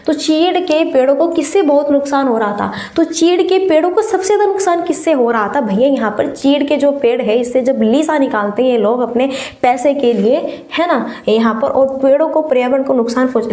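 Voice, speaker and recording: A woman with a high voice teaches an exam-prep class, explaining patiently and repeating the words she wants to stress. Her tone is mellow and a little tired from a fever, and the sound rings with the echo of a room. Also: fairly quick, hardly any pauses.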